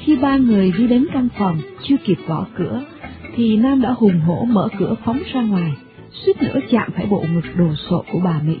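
A woman's voice: medium pitch, normal speed, over music. A woman narrating a radio drama expressively, over a tinny medium-wave broadcast. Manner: expressive storytelling.

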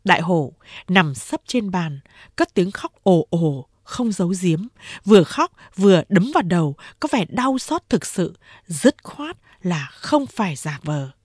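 A woman narrating a novel as an audiobook, in a measured storytelling manner. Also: on the low side, sing-song, breathy edge, no echo, clean studio sound. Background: faint music.

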